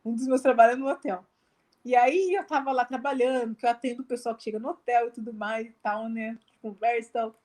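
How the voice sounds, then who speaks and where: A guest missionary, a woman with a Brazilian Portuguese accent, delivers a testimony on a live video call; her voice is on the high side and darkish, brisk, with fairly even intonation. She is chatty, fills pauses often, and acts out the dialogue she quotes.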